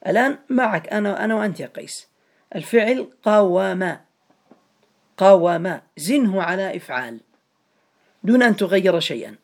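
A man's voice: high voice, lively intonation, moderate pace, vocal fry, pauses often. A man teaching a grammar lesson to a class, patiently repeating each step and calling on students by name.

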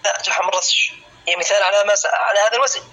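A man teaching a classical Arabic lesson, slowly spelling out word patterns syllable by syllable and calling students by name. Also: high voice, pushed and bright, low-quality recording. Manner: addresses students by name, asks if clear.

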